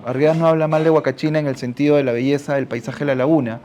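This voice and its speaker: Racing along with fairly even intonation, a slightly mellow, higher-pitched man from Ica, Peru, mulls things over aloud at a literary talk. His accent is Peruvian Spanish, and he repeatedly ends phrases with questioning tags.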